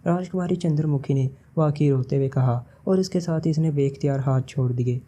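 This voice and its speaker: A man narrating a novel in a steady, measured audiobook reading. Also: fairly high pitch.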